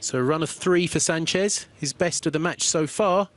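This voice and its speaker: A man giving calm, explanatory play-by-play commentary on a billiards match. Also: a little high, moderate pace. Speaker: sports commentator.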